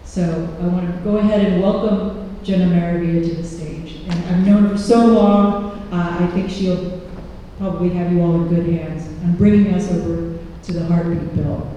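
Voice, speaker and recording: Woman, event host, low mellow voice, casual rambling introductions, faint noise behind. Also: steady tone, moderate pace, few pauses, dull audio. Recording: echoey hall from far off.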